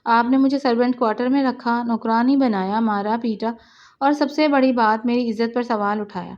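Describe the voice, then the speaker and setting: A woman's voice: on the high side, lightly acted. Storybook: bitter wronged young wife, read by a woman, firm and cold, dull lo-fi audio. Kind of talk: storybook reading of a novel.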